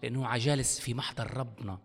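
A man preaching a sermon as pastor, animated, acting out voices, scolding and pleading. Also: mid-range voice, fast, creaky, husky. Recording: long hall reverb.

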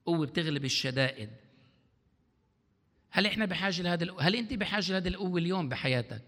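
A man's voice: sits high, expressive, very fast, a bit bright. A man preaching a sermon as pastor, throwing out questions for the congregation to answer. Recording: long hall reverb.

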